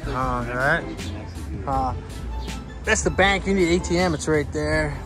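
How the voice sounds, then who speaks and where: A middle-aged man narrating a casual travel vlog as he walks outdoors, talking in a relaxed, rambling way with lots of fillers and restarts, holding the camera at arm's length. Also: on the high side, slow pace, music in the background. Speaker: travel vlogger. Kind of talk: casual walking tour narration. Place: outdoors by the sea, streets and hotel balcony. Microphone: handheld camera at arm's length.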